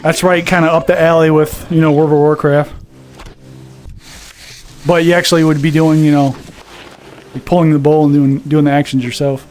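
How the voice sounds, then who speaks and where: A man's fairly high, slightly mellow voice moves little in pitch as he chats at a moderate pace, pausing often. Winded from a VR treadmill in his home gaming setup, he reads viewer comments aloud and responds casually on his live stream, with slight background noise.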